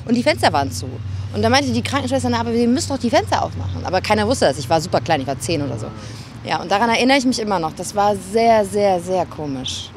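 A woman in her thirties tells stories in a chatty way during a street interview. Faint city noise sits behind her voice. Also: mid-range voice. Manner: chatty storytelling. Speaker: passer-by. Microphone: handheld mic.

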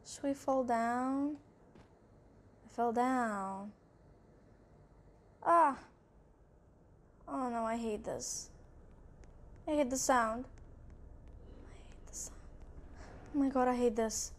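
A woman gamer talks her way through a horror game at an unhurried, drawn-out pace. Her voice sits a little high, and she sounds jumpy and uneasy as she narrates each thing she finds. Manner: jumpy and nervous, keeps saying she is scared; thinks aloud, narrating what she sees. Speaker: gaming channel host. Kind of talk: let's-play commentary.

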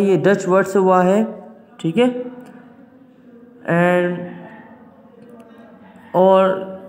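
High-voiced male teacher in an echoey room. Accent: Pakistani. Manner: reads English slowly, then explains at length with repeated "ठीक है" checks. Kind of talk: classroom lecture reading an English text aloud and explaining it in Hindi-Urdu. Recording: echoey room with long reverb.

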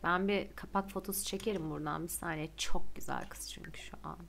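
A young woman streaming a life-sim game, chatting excitedly and gushing to her viewers. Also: fairly low pitch, brisk, gravelly, a little hiss or hum. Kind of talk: casual gameplay commentary.

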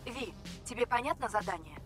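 A composed corporate heiress from a video game, played by a woman, giving orders with authority. Her voice sits slightly high. Music is clearly present behind her. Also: expressive, fairly quick, close to an everyday voice. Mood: cool command. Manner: composed, commanding. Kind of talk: video game voice acting, Russian dub.

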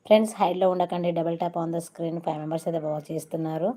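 A woman with a Telangana Telugu accent hosts a casual live stream. Her voice sits a little low and sounds soft and mellow. She chats with viewers, greets them one by one and drops in English phrases. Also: steady tone, fast. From Telangana, India.

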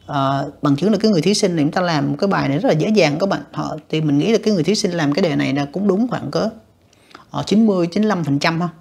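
An English teacher who walks students through exam answers, addressing them often and slowing down to sound out words. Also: mid-range voice, gravelly, a little mellow, breathy edge.

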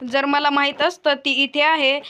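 A woman voicing a young wife who insists she is innocent, read in a flat way. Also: high-pitched, normal speed, a little hiss or hum. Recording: dull lo-fi recording.

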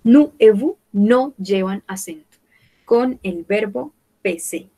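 Slow, careful French teacher woman. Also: medium pitch, lively intonation, warm tone. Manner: slow, careful, repeating words for students. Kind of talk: bilingual online class, French and Spanish.

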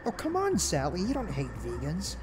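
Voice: medium pitch, huge pitch swings, moderate pace, a loud crowd. An actor playing an earnest, exasperated young detective partner in a comedic short film. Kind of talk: comedic student film acting.

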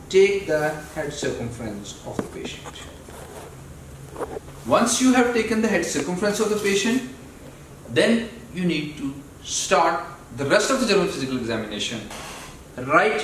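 A man with a Pakistani accent instructs in a measured, step-by-step way, like a doctor giving a practical demonstration. His voice sits slightly high. He is recorded at a distance from the mic in a heavily echoing room with some noise. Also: big pitch swings. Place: medium-sized indoor meeting room.

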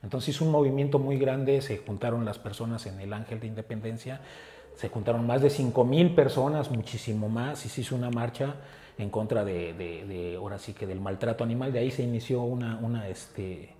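A man with a Mexican Spanish accent, an animal rescuer, talking earnestly in an interview and often pausing on filler words. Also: mid-range voice, mellow. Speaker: animal rescue group founder. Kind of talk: casual interview talk. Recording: roomy echo with faint ambience.

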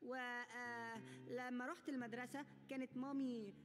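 A woman's voice: on the high side, normal speed, close to an everyday voice. A woman voicing an eager, boastful yet sensitive boy comedian in an Egyptian Arabic cartoon dub, speaking earnestly. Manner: excitable, earnest. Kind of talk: animated cartoon dub acting. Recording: music behind the voice.

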